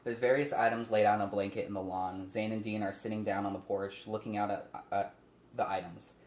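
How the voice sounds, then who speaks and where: Briskly and in a level tone, a man with a fairly low, slightly mellow voice leads a casual table read. He reads stage directions and explains informally, his asides caught in an echoey room with faint noise.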